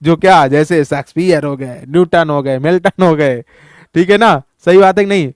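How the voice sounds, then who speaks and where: A man's voice: fairly high pitch, normal speed, no echo, clean studio sound. A male teacher explains a lesson in a casual, playful, teasing way and keeps asking his students questions. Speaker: Hindi teacher.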